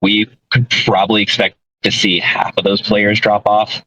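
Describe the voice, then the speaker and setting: Over a phone call from his moving car, a man co-hosts a laid-back podcast, rambling and self-correcting with frequent chuckles. The lowish voice barely moves in pitch, runs at normal speed, and sounds pushed and bright without echo, though the call quality is dull and lo-fi.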